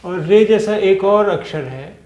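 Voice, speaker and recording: A man teaching a language lesson, patiently repeating sounds and syllables, with many pauses and fillers. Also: sits high, a little mellow, muffled recording. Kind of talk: slow spoken language lesson. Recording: echoey room.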